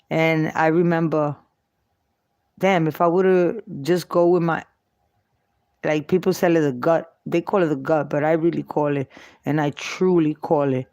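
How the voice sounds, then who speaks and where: A woman's voice: low-pitched, darkish tone, no room sound. Middle-aged woman telling her story, dry sound. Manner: emotional, repetitive, faith-driven. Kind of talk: personal testimony monologue. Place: New York.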